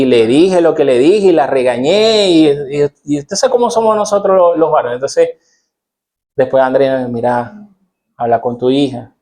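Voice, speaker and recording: A man's voice: medium pitch, warm tone. A man telling a church gathering about correcting his daughter. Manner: conversational, storytelling with quoted dialogue. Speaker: church couple guest. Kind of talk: testimony on parenting.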